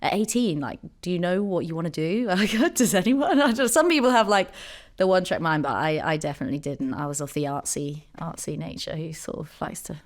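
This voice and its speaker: A woman's voice: deep voice, animated, brisk. A woman in her thirties from Jersey, a podcast guest talking casually with lots of ums and likes. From Jersey, Channel Islands. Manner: chatty, many ums and likes. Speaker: podcast guest, company co-founder. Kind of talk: casual interview chat.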